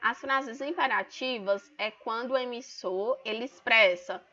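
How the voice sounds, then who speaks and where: Brazilian woman teacher, higher bright voice, patient step-by-step explainer, dull lo-fi online class audio. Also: measured pace. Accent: Brazilian Portuguese. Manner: explains step by step, checks in with "tá bom?".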